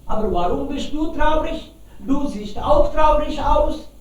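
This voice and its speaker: A woman's voice: sits high, expressive, unhurried, a little mellow, voice pushed up. A woman reading as a kind male donkey. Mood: cheerful. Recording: echoey room, far from mic.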